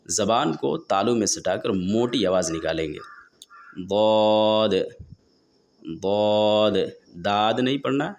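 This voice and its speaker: A man teaching a tajweed pronunciation lesson, explaining how each letter is formed and repeating the sounds slowly and drawn out. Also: lowish voice. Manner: asks and answers his own questions. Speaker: Quran recitation teacher.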